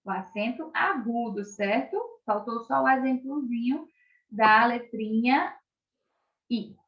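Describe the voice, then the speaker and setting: A Brazilian woman teaching an online lesson to young schoolchildren, speaking slowly and clearly, stretching out words and often checking in with the class. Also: fairly high pitch, roomy sound, highs cut off. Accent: Brazilian Portuguese. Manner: slow, clearly articulated, stretches out words for children; keeps checking in with tag questions.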